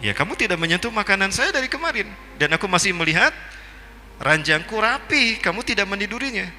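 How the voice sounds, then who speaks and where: A man voicing a calm, wise, curious old male prophet in a measured, quiet manner. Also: high-pitched, long reverb tail, pitched above the performer's own voice, heavily acted. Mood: knowing.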